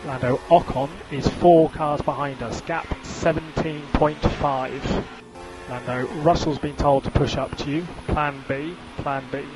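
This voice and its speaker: A race engineer with a slightly high voice speaks unhurriedly, with fairly even intonation, giving terse, businesslike orders on team radio and repeating key calls. Music plays beneath him, and the very noisy link is full of engine and vehicle sound.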